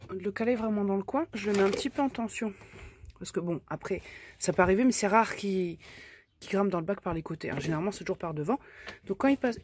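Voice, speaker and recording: A woman's voice: mid-range voice, a little mellow, slight background noise. A woman casually explaining her chicken coop and garden work outdoors, chatty and step by step, with many tag questions. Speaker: vlogger keeping chickens and a garden.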